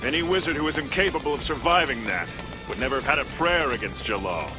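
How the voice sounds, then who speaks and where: A man acting a firm, confident, proud wizard in an anime dub. His pitch is average. Music is clearly heard behind him. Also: lively intonation, quick pace, close to an everyday voice.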